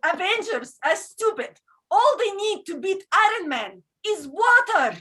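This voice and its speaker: A woman doing stand-up, speaking English as a non-native, with a deadpan delivery full of fillers and restarts. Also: very high-pitched, measured pace, rough recording. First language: not English. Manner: deadpan, self-interrupting with fillers. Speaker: stand-up comedian. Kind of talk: stand-up set.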